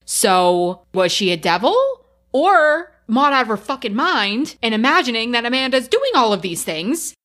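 A woman co-hosting a podcast, talking through a horror film in an excited, emphatic way and swearing freely. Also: a little high, normal speed. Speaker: podcast co-host. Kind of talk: casual film discussion.

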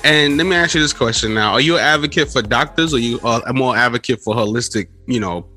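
A man's voice: mid-range voice, fast, bright, forceful tone. A man interviewing in a casual, candid way, often repeating phrases for emphasis.

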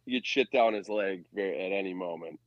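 A man's voice: deep voice, fairly quick, no echo, highs cut off. A man co-hosting a sports podcast in casual chat, with wry, dry jokes.

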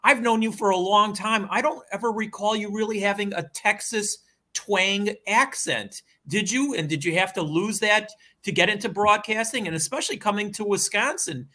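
A man's voice: sits high, normal speed, pushed and bright. A man hosting a casual interview, a former player, asking friendly, rambling questions. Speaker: host, former basketball player.

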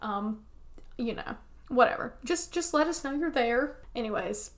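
A woman's voice: on the high side, animated, a little slow. A young woman co-hosting a podcast, telling a story in a chatty, casual way with lots of "like" fillers. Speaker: podcast co-host.

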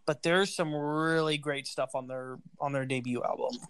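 A podcast co-host talking casually, relaxed and a little hesitant. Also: mid-range voice, normal speed, clear, resonant tone.

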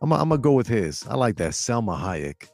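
A man's voice: mid-range voice, very animated, brisk, vocal fry, a little mellow, soft background music. A man co-hosting a casual podcast chat, upbeat as he reads out listener comments. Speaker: co-host.

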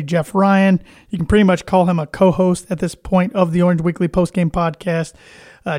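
A man with a notably high voice hosts a sports podcast in easy, chatty talk, full of friendly fillers. The sound is dry and close, with no room around it. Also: a little mellow, dry recording. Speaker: podcast host. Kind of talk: casual sports podcast chat.

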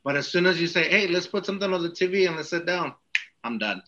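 A man's voice: high voice, animated, quick pace, pushed and bright, lo-fi sound. A man hosting a casual podcast chat, reading out listener questions and joking along with laughs.

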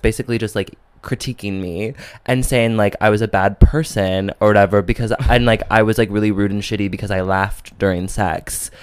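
A young man, telling a story in casual podcast chat, animated and camp, with many fillers. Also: on the low side, smooth, dry recording, clean studio sound. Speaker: podcast co-host.

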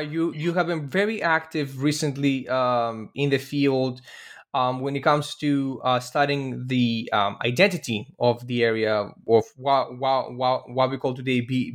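A man hosting a podcast interview, introducing his guest and asking questions with stammered restarts and fillers. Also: mid-range voice. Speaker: podcast host.

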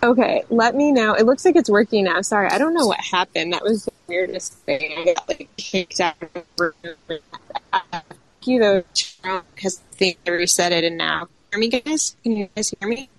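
A woman's voice: medium pitch, moderate pace, no echo, poor audio. A woman speaking casually in a live audio room, flustered and checking whether she can be heard, her voice garbled and underwater-sounding from a glitching app connection. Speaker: podcast audience speaker.

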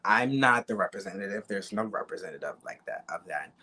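A man's voice: on the low side, animated, brisk, sharp tone, breathy edge. A young man, talking casually and candidly in an emphatic, repetitive, slangy way with some swearing.

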